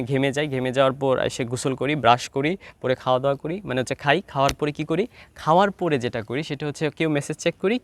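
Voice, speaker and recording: Man, bangladeshi accent, casual english tutor, slow repeated drill questions, mid pitch. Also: dry recording. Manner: mixes English and Bengali, fillers and restarts. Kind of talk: informal language lesson.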